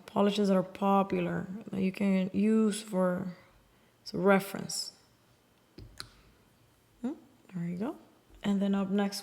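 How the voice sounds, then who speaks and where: A woman's voice: medium pitch, creaky. Chatty woman swatching nail polish. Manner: chatty, swears casually, sometimes drops to a whisper. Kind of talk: casual swatching chat. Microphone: close mic.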